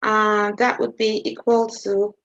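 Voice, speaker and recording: Unhurried woman teacher with a creaky voice who keeps asking "okay?", teaching maths online over muffled audio. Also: mid-range voice, level tone, fairly bright tone. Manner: hesitant, checks in with "okay?" often.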